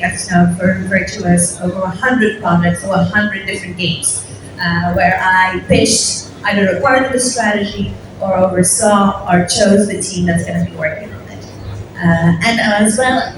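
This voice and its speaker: A young woman from Morocco giving a casual, self-deprecating conference talk to an audience. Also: mid-range voice. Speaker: conference speaker. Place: large hall at a conference. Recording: echoey hall from far off, noisy.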